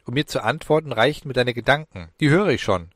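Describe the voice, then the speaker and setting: A man voicing a cocky, bloodthirsty young male demon who talks in a falsely gentle, taunting way in a storybook reading. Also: mid-range voice, animated, fairly quick, no echo, studio quality, voice pushed up, lightly acted.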